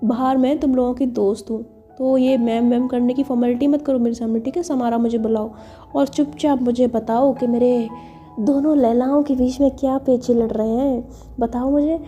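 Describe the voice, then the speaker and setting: A woman's voice: fairly high pitch, fairly even intonation, moderate pace, warm tone, soft background music, natural voice. A woman voicing a shameless, teasing female boss who jokes with her friends in a storybook romance. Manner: playful, mocking banter.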